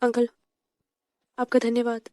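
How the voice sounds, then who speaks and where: A woman's voice: on the high side, completely flat delivery, measured pace, mellow, natural voice. A woman playing a timid young wife. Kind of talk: dubbed drama acting.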